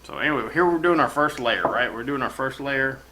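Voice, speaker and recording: A man's voice: mid-range voice, expressive, a little fast. A man hosts a casual cooking demonstration in his home kitchen. He rambles and swears freely in a folksy way. The room sounds roomy, with a faint hiss behind him. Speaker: cooking show host.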